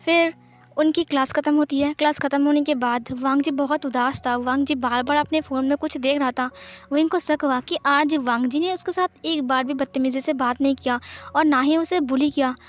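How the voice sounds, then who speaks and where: A woman narrating a fan fiction story in a steady, plain reading voice. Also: sits high, moderate pace.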